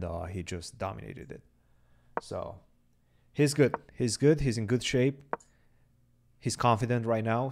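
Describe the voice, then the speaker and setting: A young man calls a chess game live in a loose, chatty stream, thinking out loud as the moves come. His voice sits a little low and carries a gravelly fry at the ends of phrases. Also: a little hiss or hum. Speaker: chess commentator.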